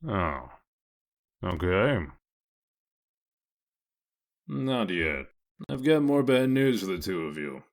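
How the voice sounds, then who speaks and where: A man playing a sardonic werewolf lawman in a comic dub, dry, deadpan and full of authority. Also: sits low, takes it slowly, long pauses, full character voice. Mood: brisk, commanding. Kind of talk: dramatic comic-dub voice acting.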